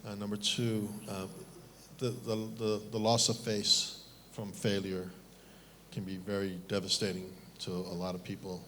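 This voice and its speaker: A man's voice: lowish voice, completely flat delivery, measured pace, fairly bright tone, slight background noise. Candid middle-aged man from Taiwan. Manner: candid, self-deprecating, many restarts. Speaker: panelist. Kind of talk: fireside chat on stage.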